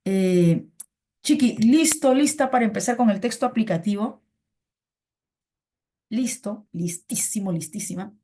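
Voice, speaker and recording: A woman's voice: medium pitch, measured pace, pauses often, dark tone. A woman teaching a pre-university reading class online, chatty and repeating her points to students. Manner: chatty, repeats phrases, calls students "chiqui".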